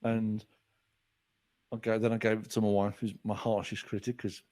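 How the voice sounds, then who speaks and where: A man's voice: lowish voice, moderate pace, noisy background. A man in his forties, a guest author in a casual podcast chat, who tells stories by acting out what people said. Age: 40s. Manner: animated storyteller acting out quotes.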